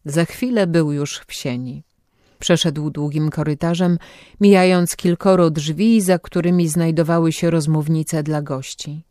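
A man narrating an audiobook in a measured, even storytelling manner. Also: a little high, clean tone, no room sound, clean studio sound.

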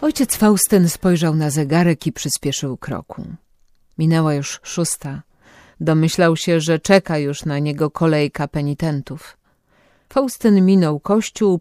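Male audiobook narrator, unhurried and measured, dry close read. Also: on the high side, no echo. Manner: measured, even storytelling.

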